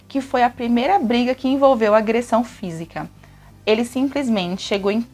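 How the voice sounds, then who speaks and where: A young woman with a Brazilian Portuguese accent, confiding a personal story to her viewers in a chatty way. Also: mid-range voice. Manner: chatty, addresses viewers directly. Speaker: vlogger. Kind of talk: emotional personal confession.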